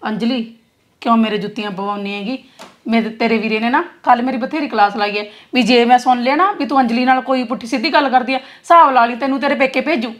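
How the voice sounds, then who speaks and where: A woman's voice: on the high side, fast talker, a bit bright, lightly acted. A woman playing a coaxing, worried sister-in-law. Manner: coaxing, pleading. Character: caring young sister-in-law, anxious peacemaker. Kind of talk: rural Punjabi web drama acting.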